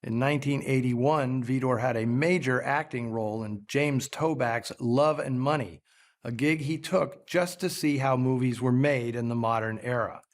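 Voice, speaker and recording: A man hosting a film program, delivering scripted commentary in a measured, articulate storytelling way. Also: medium pitch. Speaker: film show host.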